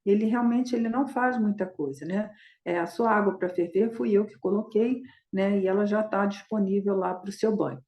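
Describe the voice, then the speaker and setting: A woman's voice: mid-range voice, fairly even intonation, moderate pace, warm tone, echoey room, natural voice. A woman voicing a senior male monk who politely and hesitantly explains matters to a visiting master. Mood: apologetic.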